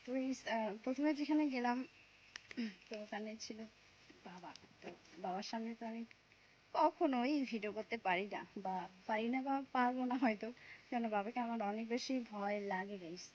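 A woman's voice: on the high side, normal speed. A young woman from West Bengal chatting casually to her viewers in a vlog, with lots of fillers, calling them guys. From West Bengal, India. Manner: speaking softly in a hushed voice. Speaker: vlogger. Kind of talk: casual vlog chat to camera. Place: village home, indoors and outdoors. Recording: dull lo-fi phone audio with faint noise.

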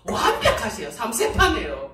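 A middle-aged woman pastor preaches a testimony, laughing often and acting out her own cries to God. Her voice is high and bright and swings widely in pitch. It comes from a distance and echoes through a roomy hall. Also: huge pitch swings, moderate pace, music in the background. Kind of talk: testimony sermon.

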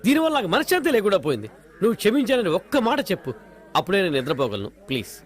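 కంగారుపడే ముసలి తండ్రి. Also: male voice, high-pitched, very fast. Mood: pleading. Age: older. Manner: excitable, pleading, scolding. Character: exasperated older father, pleading and fussing. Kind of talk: dubbed film dialogue.

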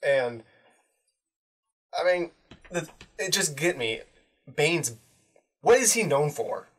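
A man's voice: a little high, expressive, slow pace. A man co-hosting a casual chat, talking loosely, swearing often and laughing between points. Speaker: co-host.

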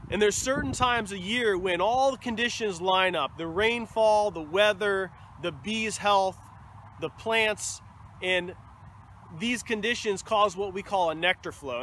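A high-voiced man in his thirties, a beekeeper, vlogs casually from a bee yard with his phone camera at arm's length. He explains things calmly, using fillers, and some faint outdoor noise is present.

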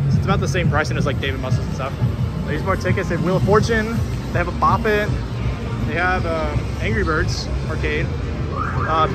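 Man, casual walking-tour vlogger, slightly high voice, loud arcade music behind. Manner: casual, lists game names with many filler uhs. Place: large indoor arcade. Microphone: handheld phone camera.

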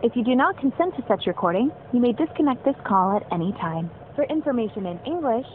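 A woman's recorded phone menu message, a polite, measured scripted announcement for a customer service line. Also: a little high, expressive. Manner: polite, measured, evenly paced. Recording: tinny phone line with faint hiss.

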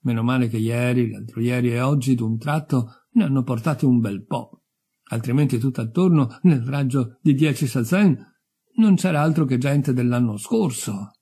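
Man doing a servile minor clerk, soft mellow voice, husky. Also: mid-range voice, normal speed. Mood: fawning. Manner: fawning, deferential. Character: obsequious petty official, eager to please. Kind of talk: audiobook character voice.

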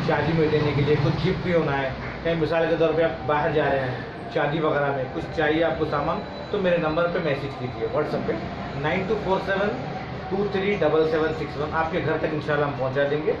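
A man giving an informal, repetitive product demonstration as a shopkeeper, recorded on a phone in a small room. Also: fairly high pitch. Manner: repetitive, instructive sales patter. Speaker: shopkeeper and seller of household goods. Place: small indoor shop room with shelves of crockery. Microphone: phone camera a short distance away. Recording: muffled, noisy, echoey phone video.

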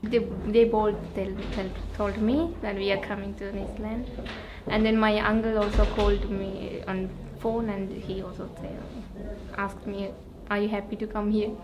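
A teenage girl from Sri Lanka speaks slowly in a flat, even tone, using simple phrases. A clear background hiss runs under the recording. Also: mid-range voice. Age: teens. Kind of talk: interview.

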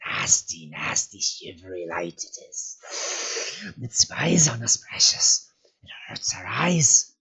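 Gollum, hissing and whimpering. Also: male voice, fairly low pitch, sing-song, takes it slowly, vocal fry, sharp tone, husky, in a whisper, exaggerated voice. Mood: hissing, spiteful. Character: wretched hissing creature, cringing and greedy. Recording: dull lo-fi recording.

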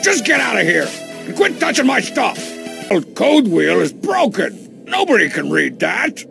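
A man voicing a short-tempered, boastful masked cartoon wrestler with a gravelly, brash, theatrical delivery. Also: sits high, huge pitch swings, a little slow, over music, full character voice. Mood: irritated. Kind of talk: cartoon voice acting.

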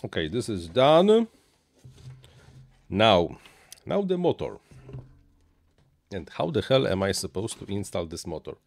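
This thirties-aged RC hobbyist has a nasal, lowish voice with vocal fry, a slightly mellow tone, and a very animated delivery, full of uhs, restarts, and non-native phrasing. He improvises live-stream chat while building a model plane at his small indoor workshop desk. A close dynamic mic on a boom arm, plus headphones, captures him with no room sound.

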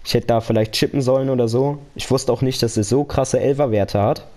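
A man's voice: mid-range voice, steady tone, fairly quick, darkish tone. A young man giving casual, slangy live commentary on a football video game, with earnest pep talk mixed in. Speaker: gaming YouTuber.

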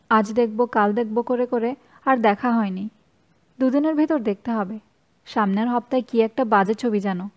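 A woman reading a novel aloud as an audiobook narrator in a calm, even storytelling manner. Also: fairly high pitch. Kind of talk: scripted narration.

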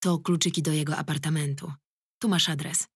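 A woman voicing a weary middle-aged male police commander, gruff but fatherly, who speaks firmly and plainly. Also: low-pitched, steady tone, moderate pace, no room sound, studio quality. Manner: firm, tired and plain-spoken.

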